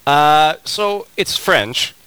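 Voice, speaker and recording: A man's voice: on the high side, extremely slow, smooth, dry recording, rough recording. A man on a radio show as a guest, telling stories with energy and acting out the quotes, in a studio. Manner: lively storyteller who acts out quotes. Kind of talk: animated storytelling on talk radio.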